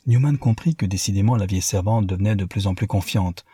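A man narrating a novel as an audiobook, in a measured literary reading. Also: fairly low pitch, warm tone, breathy edge.

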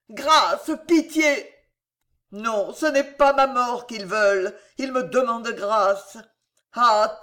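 A man's voice: sits high, a bit bright. A man reading aloud, voicing a delirious dying young king who pleads in frantic cries, tormented by guilt. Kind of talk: dramatic reading of a historical novel.

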